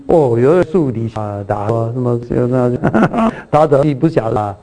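A man preaches at a middle pitch, teaching from a Bible passage. He circles back over his words, restarts phrases and keeps asking his listeners whether they follow. When he reads scripture, his voice lifts to stress key lines. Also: normal speed, dark tone, low-quality recording. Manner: repetitive, restarts words, checks in with the audience; reads scripture aloud with lifted emphasis.

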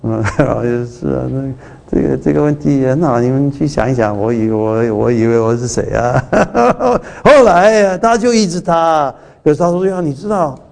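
A man's voice: medium pitch, fairly quick, gravelly, darkish tone. A man preaching a sermon in a conversational way, full of restarts and rhetorical questions, slipping English phrases into his talk.

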